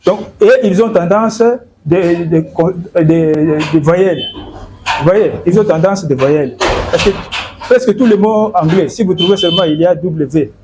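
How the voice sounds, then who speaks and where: A man's voice: high-pitched, a little slow, noisy background. A man from Congo explaining in an interview, hesitant and repeating words and fillers. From Democratic Republic of the Congo. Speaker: guest.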